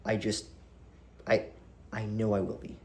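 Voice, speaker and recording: A young man in his early twenties talks straight to a tripod camera in a low voice, animated and rambling, with restarts and swearing. A faint hiss sits under the recording. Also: unhurried. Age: young adult. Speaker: vlogger. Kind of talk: casual talk to camera.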